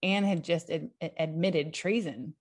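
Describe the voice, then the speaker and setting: A young adult woman, a podcast co-host, excitedly recounting history from notes in a casual chat, prone to giggles. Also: low-pitched, unhurried.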